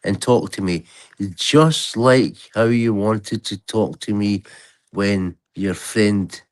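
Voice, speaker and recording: A man's voice: on the low side, slow pace. A Scottish man with a Glasgow street accent, arguing bluntly and swearing freely on a live stream. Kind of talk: heated argument on a live stream.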